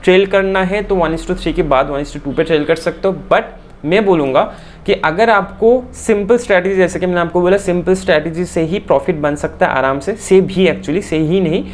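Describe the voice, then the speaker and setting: A man from India explaining a trading chart lesson quickly, repeating phrases and checking in with "theek hai" often. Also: high-pitched. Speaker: stock market trading teacher.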